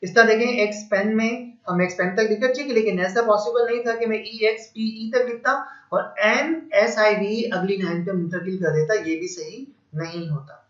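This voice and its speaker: A man's voice: high voice, steady tone, moderate pace. A man teaching English grammar in a patient, step-by-step way, working through examples. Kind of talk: explanatory lesson. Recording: echoey room, slightly dull sound.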